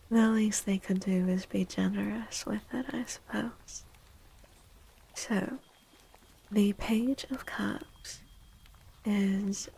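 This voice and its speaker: Hosting a tarot livestream, a woman chats to viewers in a gentle, slow ASMR voice that is breathy, often slipping into a whisper, mellow and dark with noticeable vocal fry. Her mid-range voice is close on the mic, and she draws out each phrase, though the recording quality is low.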